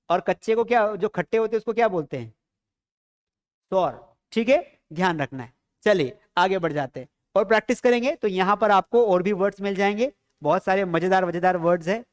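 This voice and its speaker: A man with an Indian accent teaching a spoken English lesson, drilling his students with repeated questions. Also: high voice. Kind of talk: classroom lesson.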